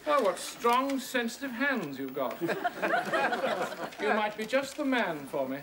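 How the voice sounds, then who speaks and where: High, camp English thespian. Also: male voice, big pitch swings, slow pace, full character voice. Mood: theatrical yearning. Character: camp, theatrical male amateur actor, coy and arch. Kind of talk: 1970s studio sitcom acting. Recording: distant mic, loud studio audience noise.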